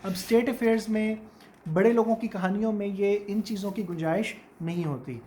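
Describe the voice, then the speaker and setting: A woman teacher giving a lecture, explaining a text in Hindi-Urdu and reading English passages slowly. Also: medium pitch, warm tone, slight background noise. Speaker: literature teacher.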